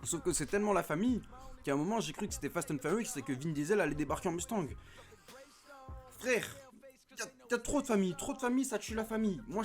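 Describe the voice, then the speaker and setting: A young man giving a casual, comedic film review, full of street slang, swearing and rambling hesitations, recorded at home into a desk mic. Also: fairly high pitch. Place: at home, recording with streaming software. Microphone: desk microphone.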